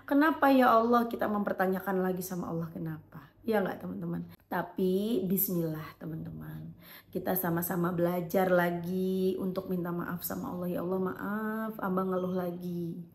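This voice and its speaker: A woman host reading out a viewer's letter and talking to her audience, expressive and emotional. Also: medium pitch, normal speed. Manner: expressive, emotional, lively swings in loudness. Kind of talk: reading a letter, then heartfelt talk to viewers. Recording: roomy, echoey room.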